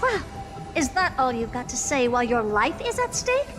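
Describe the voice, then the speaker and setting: An actress playing a haughty, smug young genius in a video game, speaking in a theatrical, condescending, taunting way. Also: female voice, high voice, big pitch swings, moderate pace. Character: haughty, smug young woman genius toying with her victim. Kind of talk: scripted video game voice acting. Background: game music.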